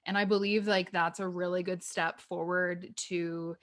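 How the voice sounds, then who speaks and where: A woman's voice: on the low side, level tone, a little slow. A woman in her mid-twenties hosting a podcast, talking earnestly in a casual chat with many fillers. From Canada. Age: 20s. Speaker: podcast host.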